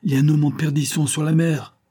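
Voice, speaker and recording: A man's voice: fairly high pitch, little pitch movement, fairly quick, mellow, slightly rough, voice pushed up. A man voicing an anxious, out-of-breath Jesuit priest who pleads urgently. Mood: pleading. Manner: urgent, imploring.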